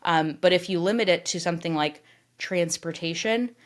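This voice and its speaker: A woman who is a guest on a podcast, explaining her ideas in an animated, casual way with many filler words. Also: fairly low pitch, normal speed. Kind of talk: conversational interview.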